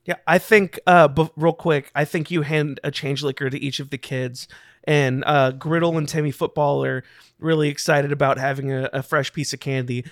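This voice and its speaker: A man narrating as game master of a tabletop game, halting and full of fillers. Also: fairly high pitch, fairly even intonation, no echo, clean studio sound.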